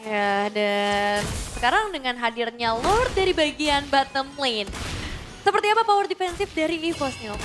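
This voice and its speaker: A woman's voice: sits high, very animated, normal speed, over music. A woman with an Indonesian accent, an esports caster who comments on a match and puts questions to her co-casters.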